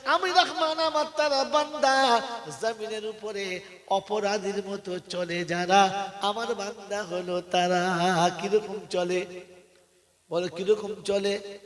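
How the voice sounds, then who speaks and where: A man preaching a sermon, chanting verses in a sing-song way and swinging between loud calls and hushed asides. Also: high voice, steady tone, takes it slowly, pauses often, in a large hall. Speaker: Islamic preacher. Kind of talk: sermon with sung Quran recitation.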